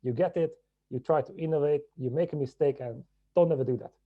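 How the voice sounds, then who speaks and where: A man from Hungary, a podcast guest telling his story in a measured, reflective way. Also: fairly high pitch, phone-quality sound. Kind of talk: podcast interview.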